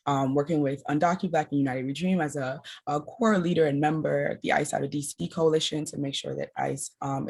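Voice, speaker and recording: A woman's voice: low-pitched, vocal fry, a little mellow, breathy edge. A woman from Trinidad and Tobago, raised in Washington DC, introducing herself as an organizer on an online panel in an earnest way. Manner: earnest, runs through long lists. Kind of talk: panel introduction over video call. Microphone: video call.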